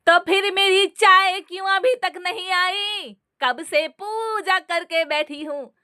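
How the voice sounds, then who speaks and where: A woman voicing a demanding older mother-in-law who shouts and scolds in slow, drawn-out words. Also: very high-pitched, no room sound, clean studio sound, voice pushed up, heavily acted. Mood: scolding.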